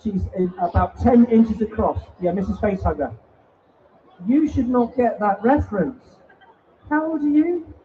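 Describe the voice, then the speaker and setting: Jokey man, high voice, distant. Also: expressive, normal speed, a little hiss or hum. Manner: jokey, teasing banter with the crowd. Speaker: bug show presenter. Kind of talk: live show talk to a family audience. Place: indoor event hall. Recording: muffled live stream mic from a distance.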